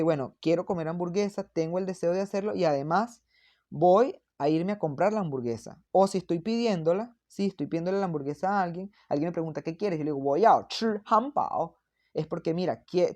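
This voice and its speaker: A woman with a slightly low voice gives a patient, explanatory language lesson. She repeats her examples slowly and carefully, as if for learners following along. She often drops in short checking questions and fillers. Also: mellow. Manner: frequent checking tags and fillers. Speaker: Mandarin teacher.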